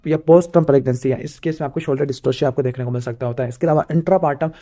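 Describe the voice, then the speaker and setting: A man from Pakistan giving an exam revision lecture, asking himself questions and ticking off points with "clear" as he rattles through lists. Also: medium pitch, racing, dark tone. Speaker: medical exam tutor.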